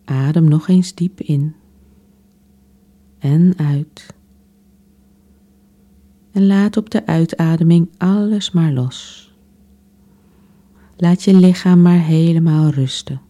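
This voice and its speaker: A woman softly guiding a relaxation exercise in a soothing, unhurried way, with long pauses between phrases. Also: sits low. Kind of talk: guided relaxation meditation.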